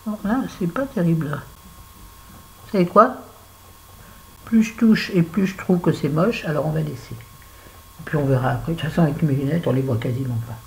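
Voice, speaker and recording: A woman's voice: low-pitched, moderate pace, gravelly, long pauses, darkish tone, slight background noise, rough recording. A French woman chatting casually through a make-up tutorial, talking to viewers and to herself as she works. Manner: chatty, talks to herself while working. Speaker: beauty vlogger.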